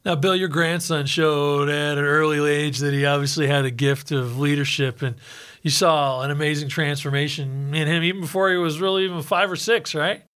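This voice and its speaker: Bright-voiced male radio host. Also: fairly high pitch, steady tone, moderate pace, clear, resonant tone. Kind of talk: radio interview.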